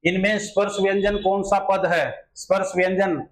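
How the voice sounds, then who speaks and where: A man's voice: sits high, fairly even intonation, moderate pace, rough recording. A male teacher solving exam questions in a grammar lesson, explaining step by step and often asking rhetorical questions.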